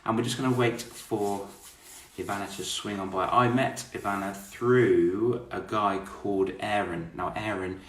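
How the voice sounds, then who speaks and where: A man's voice: on the low side, fairly even intonation, measured pace, recorded from a distance. An English man hosting an online interview, upbeat and chatty, often repeating his words. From England. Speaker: host. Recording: echoey room, away from the mic.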